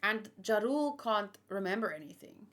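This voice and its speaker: A mid-range, fairly bright voice with lively intonation moves at a moderate pace as this streamer talks. Though tired from a long session, she chats casually with viewers and rambles while theorizing about fandom aloud.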